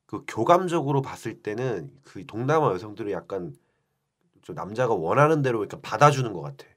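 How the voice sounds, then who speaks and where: A man, a podcast guest, recounts a personal story with blunt candor. His pitch moves a lot, rising and falling freely as he talks. He pokes fun at himself without hesitation. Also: very animated, fairly quick. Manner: frank, confessional, self-deprecating. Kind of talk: candid storytelling.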